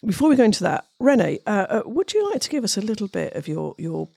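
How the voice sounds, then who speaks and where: A woman with an English accent and a croaky, gravelly voice, presenting a talk show with vocal fry at the ends of her phrases. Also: medium pitch, very animated, quick pace, dark tone, no echo. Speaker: radio show host.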